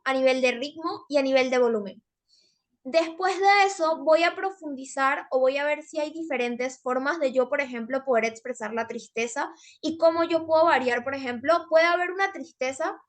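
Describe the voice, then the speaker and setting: Young woman, high-pitched, workshop presenter, explanatory, filler words. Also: a bit bright. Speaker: workshop speaker.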